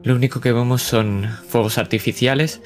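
Game master guy calmly setting the scene, soft music underneath. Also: medium pitch, normal speed. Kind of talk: scripted scene-setting narration.

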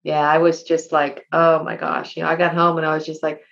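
A woman who is a podcast guest, telling a personal story in a halting, emotional way with many restarts. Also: sits low, flat delivery, fairly bright tone, muffled recording, a little hiss or hum.

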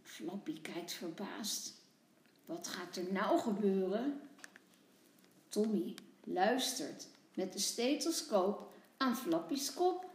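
A woman kindergarten teacher reading a picture book aloud to young children, gentle and expressive. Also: mid-range voice, echoey room, slight background noise. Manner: gentle, slow, expressive storyteller.

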